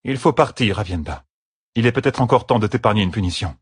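Man doing a calm even-toned elder woman, firm, low-ish husky voice. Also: fast, no room sound, clean studio sound. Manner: neutral, even tone.

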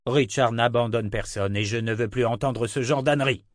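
A man voicing an angry burly blacksmith, forceful and scolding. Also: mid-range voice, normal speed, no room sound, clean studio sound, lightly acted. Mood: stern.

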